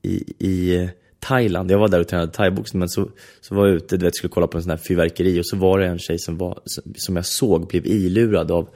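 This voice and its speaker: A man's voice: low voice, steady tone, few pauses, a little mellow. A man in casual chat, telling long stories with many restarts and filler phrases.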